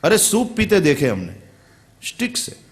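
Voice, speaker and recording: A man's voice: sits high, wildly swooping pitch, unhurried. A middle-aged male preacher giving a devotional sermon in a conversational way, often turning to the listeners with questions. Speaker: spiritual preacher.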